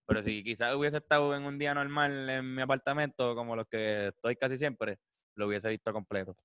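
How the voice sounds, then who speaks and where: A man with a Puerto Rican accent, co-hosting a casual podcast in a relaxed, easygoing way. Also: medium pitch, brisk, clear, resonant tone, no room sound, highs cut off. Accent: Puerto Rican Spanish. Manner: laid-back, laughs often. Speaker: podcast co-host. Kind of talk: casual chat.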